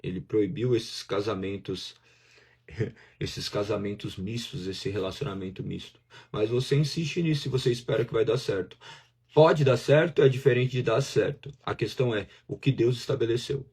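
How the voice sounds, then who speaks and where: Brazilian pastor, male, husky voice, talky sermon delivery that acts out inner voices. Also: fairly low pitch, moderate pace, a little mellow. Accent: Brazilian Portuguese. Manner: conversational preaching, acts out inner voices in dialogue.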